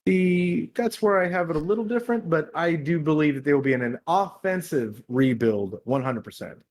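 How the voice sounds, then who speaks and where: A man's voice: on the high side, lively intonation, moderate pace, darkish tone. A man co-hosting a casual fantasy football podcast, blunt and opinionated, often repeating himself. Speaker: podcast co-host.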